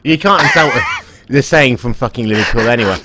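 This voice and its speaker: A man's voice: medium pitch, fast talker, crowd noise. A man co-hosting a podcast in a casual, joking, playful way, speaking into a desk microphone. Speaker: podcast co-host. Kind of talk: casual chat.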